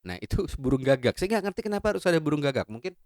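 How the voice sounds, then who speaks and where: A man's voice: a little high, big pitch swings, very fast, darkish tone, no room sound. A man hosting a casual product review in a playful, joking, chatty way. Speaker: host and gear reviewer.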